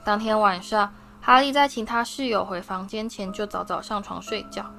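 A woman narrating a fantasy novel as an audiobook reader, in a steady, expressive reading voice. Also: medium pitch, moderate pace, vocal fry, faint music behind. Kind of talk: storybook narration.

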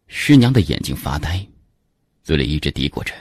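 A man narrating a dramatic story in scripted, expressive storytelling. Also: very deep voice, brisk, breathy edge, no echo, studio quality.

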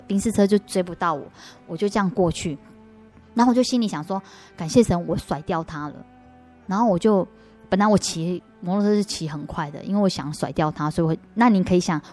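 Woman, Taiwanese Mandarin accent, lowish voice, earnest testimony, faint music underneath. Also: darkish tone. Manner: earnest storytelling with restarts. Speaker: interview guest. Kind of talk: personal faith testimony.

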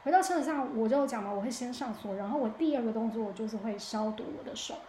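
A woman with a fast, mellow, high-leaning voice hosts her own podcast, candidly recounting a mishap of hers in a chatty solo story. It was recorded in an echoey room with slight background noise.

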